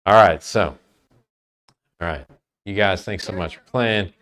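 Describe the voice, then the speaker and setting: A man leading a trivia game for a church youth group, talking playfully and sometimes loud. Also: low-pitched, unhurried. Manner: playful, lively, loud at times.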